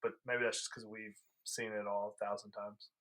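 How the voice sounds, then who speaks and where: Young man, cohost, monotone delivery, bright timbre, laid-back. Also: lowish voice, moderate pace, rough recording. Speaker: podcast cohost. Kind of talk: casual chat.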